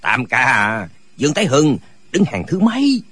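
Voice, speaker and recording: A man's voice: mid-range voice, huge pitch swings, normal speed, fairly bright tone, husky, dry recording, heavily acted. A man voicing a band of quarrelsome, dim-witted old martial immortals in a radio drama, arguing pedantically. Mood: bickering.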